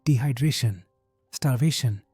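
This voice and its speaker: Frightened woman scientist, hushed and shaky, in a storybook horror reading, put on by a male narrator. Mellow, low voice. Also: a little slow, no room sound, faint music behind, close to an everyday voice. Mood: uneasy. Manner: hushed, trembling whisper. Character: tense female biologist, calm but frightened.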